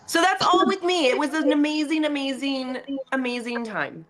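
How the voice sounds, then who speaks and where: A woman's voice: high-pitched, normal speed, a bit bright. A woman co-hosting a casual talk show, chatting in an effusive, enthusiastic way. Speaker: show co-host. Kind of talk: casual chat with wellness tips.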